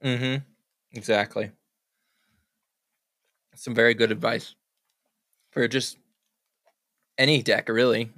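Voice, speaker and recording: A man hosting a podcast in casual chat, relaxed and quick to laugh lightly, with short agreeing replies. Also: medium pitch, dry recording, studio quality. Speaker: podcast host.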